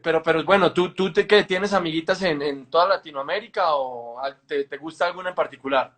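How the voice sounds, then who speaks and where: Higher-voiced man hosting a casual interview. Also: fairly quick, fairly bright tone. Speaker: interviewer and host. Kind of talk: casual live chat interview.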